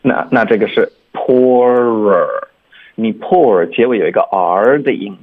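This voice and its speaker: A man with a lowish, husky voice, heard through a thin, phone-like radio line. He explains word sounds and meanings in a relaxed, unhurried manner, slipping English words in as he teaches. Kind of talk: radio language lesson, explaining pronunciation.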